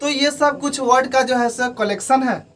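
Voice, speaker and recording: A man teaching English pronunciation at a board in a classroom-style lesson, slowly spelling out words letter by letter. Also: very high-pitched, a bit bright, recorded from a distance. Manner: slow, explanatory, spelling out letters one by one. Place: room with a board.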